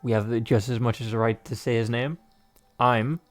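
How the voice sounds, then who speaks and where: In a mid-range, level voice at normal speed, a man narrates a visual novel he is playing. Between lines he rambles and jokes, leaning heavily on fillers.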